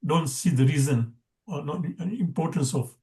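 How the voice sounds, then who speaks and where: Guy teaching arabic grammar online, kinda high voice, lots of restarts, roomy sound. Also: normal speed, darkish tone. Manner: explains patiently with many restarts.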